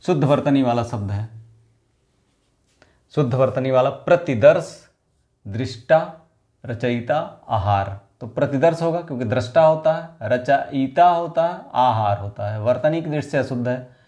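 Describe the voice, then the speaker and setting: A man's voice: medium pitch, lively intonation, moderate pace, mellow. Man teaching an exam-prep lesson. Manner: asks questions then answers them, repeats key words.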